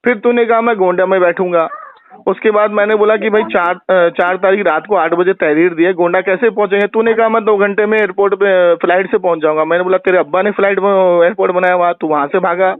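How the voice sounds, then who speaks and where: A man's voice: high voice, steady tone, dry recording. A man in a heated phone argument as a religious debater, combative and taunting, accusing his opponent again and again. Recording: tinny phone line.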